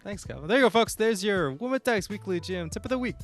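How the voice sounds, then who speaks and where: A man hosting a podcast in casual chat, quick with asides and often checking in with "right?". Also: sits high, lively intonation, faint music behind. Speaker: podcast host.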